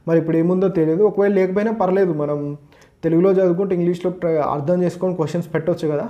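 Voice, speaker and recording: A man's voice: high-pitched, steady tone, racing, muffled recording. A man with a Telangana Telugu accent, teaching exam preparation informally, mixing Telugu with English words and linking points with "okay, so". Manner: explanatory, repeats "okay, so" as a linking phrase. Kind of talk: informal exam syllabus walkthrough.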